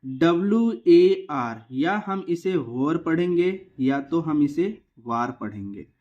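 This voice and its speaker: Man, teacher, phonics lesson, slightly high voice, repeats words slowly, answers own questions. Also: expressive, mellow, highs cut off.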